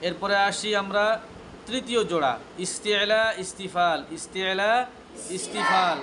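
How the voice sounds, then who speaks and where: A man with a high, bright voice teaches a class, firing short questions and answering them himself. He drills each point several times and spells out letter names slowly, one by one. The recording is made in a classroom, with clear background noise under his voice. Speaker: Quran recitation teacher. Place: classroom with students present.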